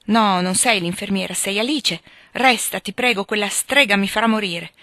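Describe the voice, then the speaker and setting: A woman's voice: medium pitch, moderate pace, sharp tone, no echo, studio quality. A woman reading aloud, voicing a feverish, delirious dying man who pleads and rails in agitation. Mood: feverish, pleading.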